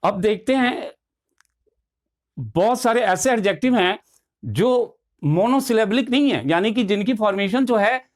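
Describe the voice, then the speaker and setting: A man's voice: high voice, lively intonation. Patient male grammar teacher. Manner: explains patiently, spells out words slowly. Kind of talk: grammar lesson.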